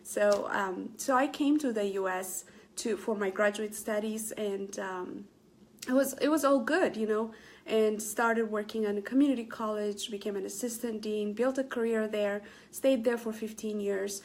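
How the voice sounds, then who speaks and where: A woman's voice: mid-range voice, normal speed. A middle-aged woman from Ethiopia hosting a casual live stream, talking earnestly to viewers with many fillers and restarts. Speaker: Facebook Live motivational host.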